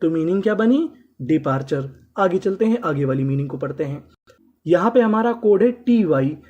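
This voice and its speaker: A woman teaching English reading to learners, spelling words out letter by letter, asking her own questions and answering them, and slowly repeating each syllable and word. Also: fairly low pitch, expressive, warm tone, lo-fi sound. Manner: slow drilling repetition of syllables and words.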